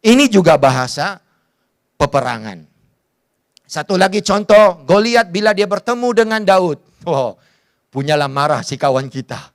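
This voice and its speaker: A male pastor preaching a sermon in an animated way, asking rhetorical questions and acting out quotes. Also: sits high, moderate pace, dry recording, clean studio sound.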